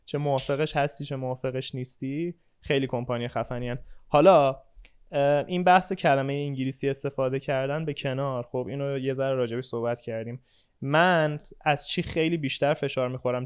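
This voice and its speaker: A young man co-hosting a podcast, talking in blunt, profane, casual banter and mocking people with quick impressions. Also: mid-range voice, clean tone. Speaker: podcast co-host.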